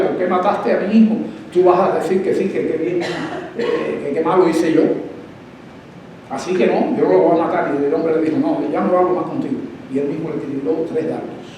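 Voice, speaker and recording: A pastor with a high voice preaches in an echoey church hall, caught from a distance by the mic. He tells his story with emphatic, rising cries while a faint rumble sits underneath. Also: darkish tone. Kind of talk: sermon. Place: church sanctuary.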